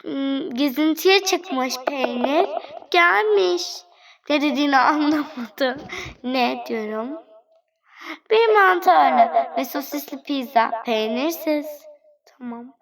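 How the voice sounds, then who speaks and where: High-voiced chatty woman gamer. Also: lively intonation, slow pace, rough recording. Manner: chatty, talks straight to viewers; playful, fretting over angry customers. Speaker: gaming channel host. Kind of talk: let's-play gameplay commentary.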